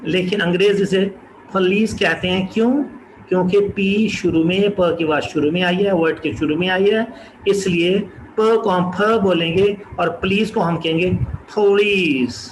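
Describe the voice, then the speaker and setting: A man from Pakistan teaching a pronunciation lesson, repeating each example word slowly and distinctly. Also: high voice, a bit bright, reverberant, slight background noise, rough recording. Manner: slow, repeats example words carefully and distinctly. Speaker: English teacher.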